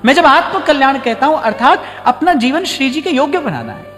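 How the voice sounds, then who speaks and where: A man with a high-pitched voice gives a devotional sermon, speaking conversationally and repeating key lines for emphasis. His voice carries a long hall reverb, with faint music underneath. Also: expressive, a little fast, a bit bright. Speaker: spiritual teacher giving a discourse.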